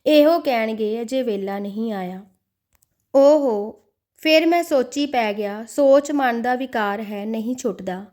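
A woman's voice: fairly high pitch, a little mellow, close to an everyday voice. A woman voicing a devout man who pleads with and scolds his own restless mind in an inner monologue. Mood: anxious, then self-urging.

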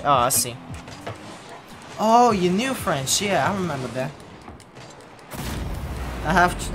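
Seated at a desk in a room at home, a young streamer plays a game and chats casually through a headset. His manner is blunt, with mumbled low asides and replies to chat, all over loud game music.

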